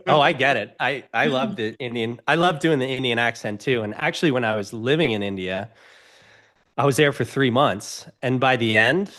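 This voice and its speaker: Rich: A middle-aged man talks through his ideas with earnest, expansive energy, gesturing as he goes. His voice sits at an everyday middle pitch. He speaks in a casual, conversational interview. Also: normal speed, a bit bright. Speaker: podcast guest, author.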